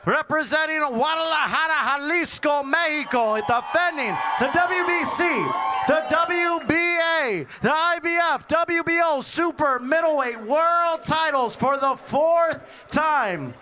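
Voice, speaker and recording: High-pitched booming lucha libre style ring announcer. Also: male voice. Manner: drawn-out shouted names, theatrical emphasis.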